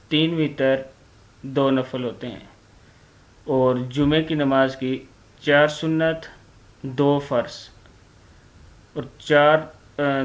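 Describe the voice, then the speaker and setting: A man teaching prayer recitation to children, repeating each phrase slowly and correcting common mispronunciations. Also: a little high. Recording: dull lo-fi recording.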